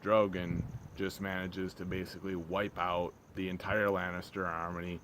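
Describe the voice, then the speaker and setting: A man giving a casual, off-the-cuff rant, rambling and repeating himself in halting phrases, blunt and full of swearing. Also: low voice, level tone, a bit bright. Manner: rambling, repetitive, halting, often trailing off mid-phrase; blunt, profane, exasperated. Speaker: vlogger reviewing a TV episode. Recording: clear background ambient noise.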